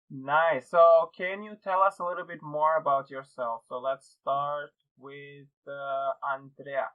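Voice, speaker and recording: A man's voice: a little high, flat delivery, slow pace, narrow, tinny audio. A man from Serbia hosting a casual podcast over a video call, upbeat and joking. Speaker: podcast host. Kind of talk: casual online podcast chat.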